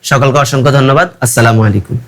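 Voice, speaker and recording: Teen boy student leading a lesson, bright tone, patient letter-by-letter explainer. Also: medium pitch. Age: teens. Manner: explains slowly, spells words letter by letter. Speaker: student teaching a class. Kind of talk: classroom lesson.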